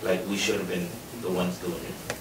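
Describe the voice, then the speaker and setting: A man's voice: low-pitched, completely flat delivery, normal speed. A man who grew up in New York after leaving Guatemala, speaking earnestly and off the cuff as a panelist at a public discussion. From Guatemala, raised in New York. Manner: earnest, loose and spontaneous. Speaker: forensic anthropologist panelist. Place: lecture hall. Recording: roomy hall, distant mic, noisy.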